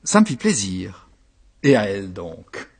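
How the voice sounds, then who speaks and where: A man reading a classic novel aloud, expressive and rhythmic. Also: on the low side, unhurried, husky. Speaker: reader.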